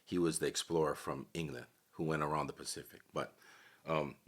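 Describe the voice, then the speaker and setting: Low husky-voiced man from Hawaii. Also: brisk. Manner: relaxed storyteller who acts out quoted voices. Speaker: podcast guest. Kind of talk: casual storytelling chat.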